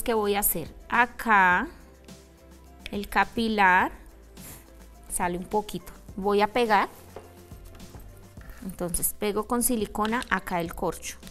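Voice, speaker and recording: A woman's voice: medium pitch, a bit bright. Woman teaching a candle craft. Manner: checks in with a frequent "¿listo?". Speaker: craft instructor. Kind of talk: step-by-step craft demonstration.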